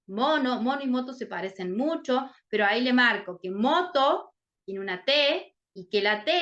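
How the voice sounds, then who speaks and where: Bright-voiced woman explaining a lesson. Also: fairly high pitch, dull audio. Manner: checks in often with "¿sí?". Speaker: literacy teacher explaining a case.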